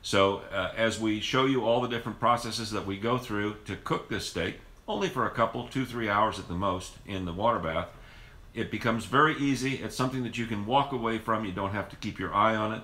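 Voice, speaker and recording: Low-voiced man explaining home cooking. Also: brisk, sharp tone, roomy sound. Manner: rambling, with frequent restarts and fillers. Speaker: home cooking video host. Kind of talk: casual cooking demonstration. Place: home kitchen.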